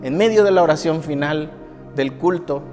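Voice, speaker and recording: A man's voice: fairly high pitch, moderate pace. A man preaching a sermon as a pastor, telling a personal testimony with emphatic repetition. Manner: emphatic, repeats phrases for effect, acts out quoted people. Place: church. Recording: church hall with long reverb and soft music.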